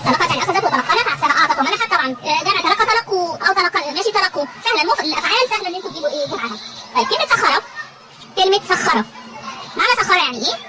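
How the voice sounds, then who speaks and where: Fast, high-voiced Egyptian woman teacher. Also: expressive. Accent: Egyptian Arabic. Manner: repetitive call-and-response questioning. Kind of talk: classroom vocabulary drill. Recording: loud crowd and background noise.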